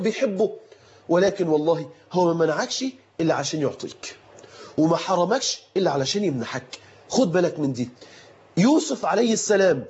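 Egyptian man preaching, fervent, emphatic, repetitive, rapid delivery, dull lo-fi sound. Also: high voice. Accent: Egyptian Arabic. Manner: fervent, emphatic, repeats phrases, rises to shouts. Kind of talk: sermon. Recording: dull lo-fi recording.

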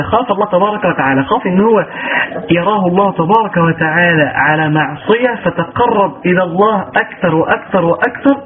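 A man with an Egyptian accent giving a motivational religious lesson, asking rhetorical questions and answering them himself. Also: a little high. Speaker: religious lecturer. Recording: tinny phone-like line with noise.

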